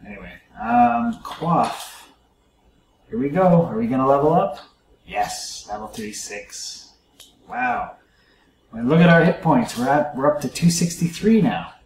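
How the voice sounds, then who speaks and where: A man's voice: medium pitch, expressive, unhurried, echoey room, slight background noise, low-quality recording. A man hosting a let's play, musing aloud to his viewers in casual gameplay commentary.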